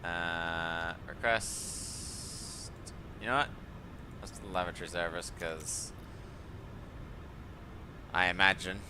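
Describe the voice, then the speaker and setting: A man's voice: low voice, fairly even intonation, slow pace, long pauses. A man streaming a flight simulator, chatting and joking with exasperation about ground crews and air traffic. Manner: chatty, exasperated, laughs often at the ground crew. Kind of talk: live-stream commentary.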